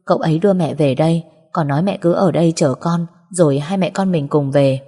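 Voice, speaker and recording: A woman voicing a gentle older mother who speaks slowly and calmly, in a storybook reading with long hall reverb. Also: low-pitched, breathy edge.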